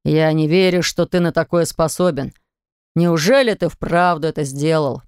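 A woman's voice: deep voice, a little mellow, smooth, no echo, studio quality, natural voice. Woman doing a stern, scolding older brother. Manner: slow, stern, hissing. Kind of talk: audiobook character reading.

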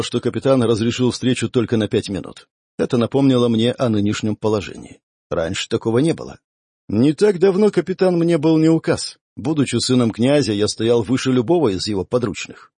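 A man narrating a first-person audiobook in an expressive storytelling manner. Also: mid-range voice, breathy edge, no room sound, clean studio sound.

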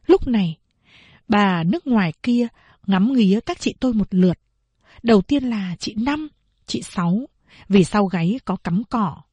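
A woman narrating a novel aloud in a measured storytelling manner. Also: medium pitch, expressive, darkish tone, breathy edge, no echo, muffled recording. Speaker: audiobook narrator. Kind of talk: scripted narration.

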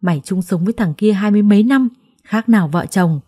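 A woman's voice: mid-range voice, fast, dark tone, dry recording, studio quality, natural voice. A woman voicing a furious, abusive middle-aged mother-in-law who screams insults. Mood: enraged.

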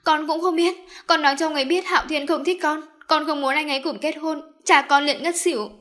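A woman's voice: high-pitched, steady tone, brisk, fairly bright tone, voice pushed up. A woman voicing a tearful, frightened young woman who pleads through her sobs in a storybook reading. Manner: crying, pleading.

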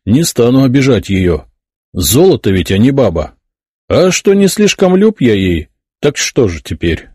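A man's voice: medium pitch, very animated, unhurried, darkish tone, husky, no echo, clean studio sound, voice pushed up. A man voicing a blunt, crude king who grumbles in a folksy way. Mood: grumbling.

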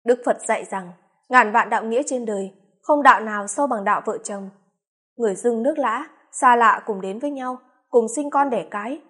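A woman reading the part of a wise older eldest brother, speaking slowly and in measured tones. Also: extremely high pitch, bright, forceful tone, breathy edge, exaggerated voice. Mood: solemn. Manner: slow, measured lecturing.

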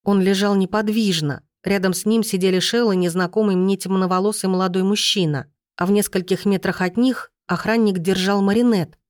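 A woman's voice: medium pitch, fairly even intonation, brisk, darkish tone, no echo, clean studio sound. A woman narrating a first-person fantasy audiobook in an urgent, emotional way.

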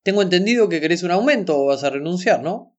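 A man playing a calm wise rich mentor. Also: sits high, fast, dull audio, voice pushed up. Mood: dry. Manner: calm, lecturing. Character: calm wise wealthy businessman, stern teacher.

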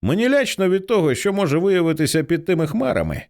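A man's voice: high-pitched, sing-song, fast, darkish tone, pitched above the performer's own voice. A man voicing an edgy teenage girl in an audiobook reading, blunt and sarcastic, swearing casually. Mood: wry, anxious.

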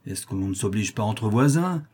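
A man's voice: lowish voice, expressive, normal speed, a little mellow, breathy edge. A man voicing a drunken, lame, brutish male neighbor who bellows threats in a slurred voice. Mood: menacing.

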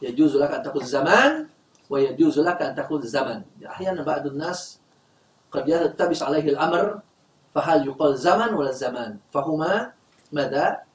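A man's voice: on the high side, fast talker, a little mellow. Male grammar teacher in a classroom, echoey room, mic set far off, quizzes the class as he goes. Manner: quizzes the class, leaves words unfinished for students to complete.

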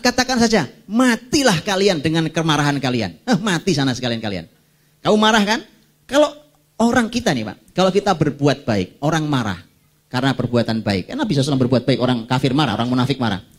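Male preacher, middle-aged, animated lecturing delivery with wide pitch swings, direct and conversational with his congregation. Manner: animated, rhetorical questions, addresses listeners as "Pak". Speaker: Islamic preacher.

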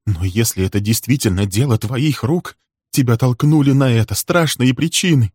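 A man voicing an anxious young woman who pleads urgently with her lover, raising his voice higher and louder. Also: normal speed, husky, no room sound, clean studio sound, natural voice.

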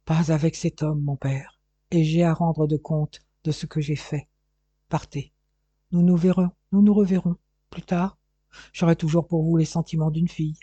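A man's voice: a little high, little pitch movement, moderate pace, warm tone, slightly rough, no room sound. A man voicing a proud young woman who answers coldly and bitterly, on a dull, dry recording. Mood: resigned. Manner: cold, firm, bitter.

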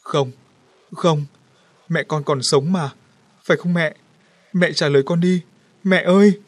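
A husky-voiced man voicing a grief-stricken young woman who pleads through tears in a horror audiobook. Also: mid-range voice, fairly even intonation, moderate pace, no echo, natural voice. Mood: pleading. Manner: pleading, sobbing cries.

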